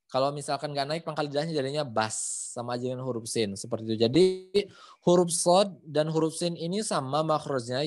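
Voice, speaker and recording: A man teaching Quran letter pronunciation in an online lesson, patiently repeating each point over a video call. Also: mid-range voice. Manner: patient, repeats points with many tag phrases.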